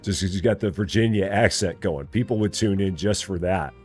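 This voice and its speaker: Faint music plays behind a gaming streamer whose low, slightly mellow voice has a breathy edge and a fairly quick pace. He has a General American accent from the Midwest, Illinois, and chats casually on a live stream as he plays, teasing playfully and repeating himself.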